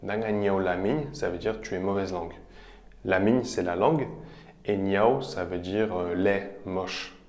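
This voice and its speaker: A man teaching vocabulary, explaining each example patiently and repeating phrases slowly. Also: low-pitched, darkish tone. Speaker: language teacher. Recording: roomy echo.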